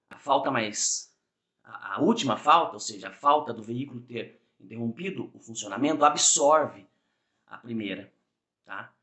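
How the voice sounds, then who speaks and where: A driving exam instructor with a Brazilian Portuguese accent gives a conversational video lesson, his medium-pitched voice fairly bright. He keeps checking in with "tá?" and acts out small examples with little voiced asides.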